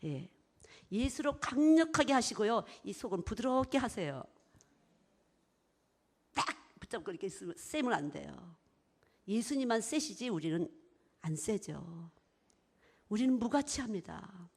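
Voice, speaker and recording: Woman preacher with an ordinary mid-range voice. Sermon delivery that moves from hushed whispers to loud emphasis, expressive and animated. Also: medium pitch, a little slow, long pauses, slightly rough. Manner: swings between soft whispers and loud, emphatic bursts; expressive, acts out little exchanges in her talk.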